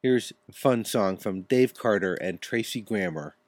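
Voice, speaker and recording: A man's voice: on the low side, measured pace. A man hosting a radio talk show, introducing guests and songs in a friendly way.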